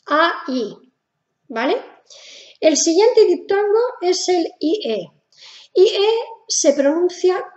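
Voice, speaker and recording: Spanish woman teaching german sounds, high voice, slow and patient, echoey room, kinda dull audio. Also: dark tone. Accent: Spanish from Spain. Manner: patient, repeats and spells out sounds. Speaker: German teacher on a video channel. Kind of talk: casual video lesson.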